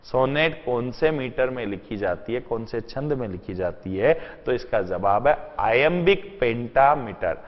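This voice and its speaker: A man's voice: mid-range voice, expressive, unhurried, hardly any pauses. Male teacher, exam-prep lecture, quizzes himself aloud, long reverb, muffled lo-fi sound. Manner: rhetorical questions answered himself; mixes in English terms and sentences.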